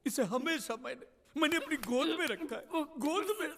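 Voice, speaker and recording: A man's voice: extremely high pitch, lively intonation, normal speed, creaky, a bit bright, heavily acted. An actor playing a sly con man in a film comedy, theatrical and falsely tearful. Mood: fake tearful.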